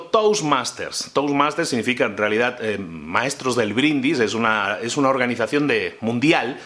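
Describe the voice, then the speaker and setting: A man's voice: mid-range voice, fairly bright tone. Man giving a casual speaking lesson. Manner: repeats key phrases for emphasis, frequent "eh" hesitations. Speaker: mentor giving speaking advice. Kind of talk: casual instructional talk to camera.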